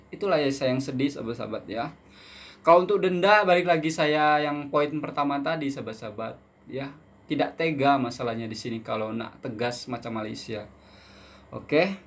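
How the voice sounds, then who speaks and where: A man in his twenties from Indonesia, hosting a casual Q&A vlog, reading viewer questions aloud and answering them in a chatty way, often ending phrases with "ya" and mixing in Malaysian words and English terms. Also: on the high side. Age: 20s.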